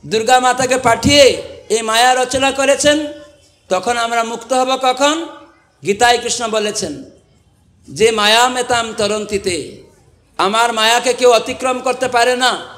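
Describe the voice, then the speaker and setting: High-voiced man preaching a sermon. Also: a bit bright. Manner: rhetorical questions to the crowd, quoting scripture. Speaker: monk preacher. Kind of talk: devotional sermon to a live audience.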